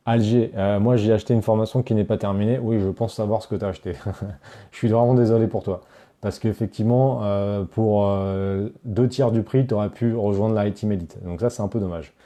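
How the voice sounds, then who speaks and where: A man with a lowish, dark, steady voice speaks fairly quickly while hosting a live Q&A as an online course creator. He reads chat questions aloud and answers viewers in a casual way packed with fillers and restarts.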